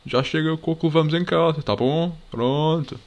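A young man voicing a brash, loud young woman, complaining in a comedy bit. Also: on the high side, normal speed, pitched above the performer's own voice, close to an everyday voice. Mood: annoyed. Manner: shouty, confrontational.

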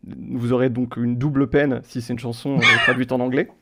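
A man running a casual quiz show for his friends. He talks in a chatty, loose way, restating the rules more than once and reading out lyrics in a deliberately flat voice. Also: medium pitch, noisy background. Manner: chatty, repeats himself, reads lyrics flatly. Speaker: quiz host.

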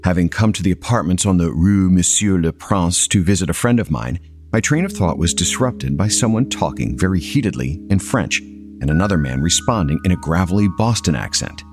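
A man with a very low voice narrating a story in a steady, measured way. Faint music sits in the background.

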